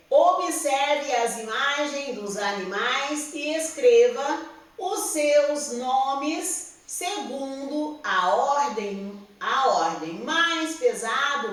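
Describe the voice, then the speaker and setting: Brazilian schoolteacher, woman, patient and repetitive, slightly high voice, distant echoey classroom sound. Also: lively intonation, drawn-out words. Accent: Brazilian Portuguese. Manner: patient, repeats and checks understanding with "tá?". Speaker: teacher. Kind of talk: slow classroom explanation to young pupils. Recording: roomy echo, speaker somewhat off-mic.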